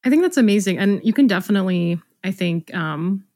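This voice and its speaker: A woman's voice: medium pitch, animated, a little fast, warm tone, no echo, clean studio sound. A woman co-hosting a casual podcast, effusive and rambling off into tangents. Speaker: podcast co-host. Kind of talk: casual interview.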